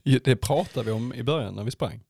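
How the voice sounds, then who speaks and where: A man co-hosting a podcast in casual chat, speaking in a measured, hesitant way. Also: medium pitch, gravelly, a little mellow, slightly rough, no echo, clean studio sound. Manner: hesitant, many fillers and restarts, measured. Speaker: podcast co-host.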